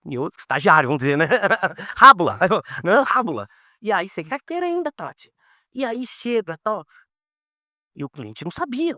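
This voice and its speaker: A man's voice: fairly high pitch, no echo, clean studio sound. A man, a lawyer being interviewed, telling stories casually and acting out the dialogue as he goes. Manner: animated, acts out quoted dialogue.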